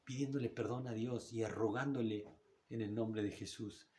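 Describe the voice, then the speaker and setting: A man with an Argentine Spanish accent preaching a sermon in church, in a conversational way that slows down to read scripture aloud. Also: fairly low pitch, steady tone, darkish tone. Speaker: pastor.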